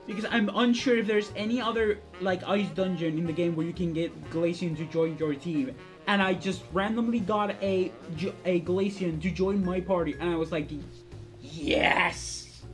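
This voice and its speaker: A young man talks in a high, youthful voice that could pass for a woman's. He rambles passionately and swears freely in a casual gaming chat, with music underneath. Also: normal speed, hardly any pauses. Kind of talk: casual chat about video games. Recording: background music behind the voice.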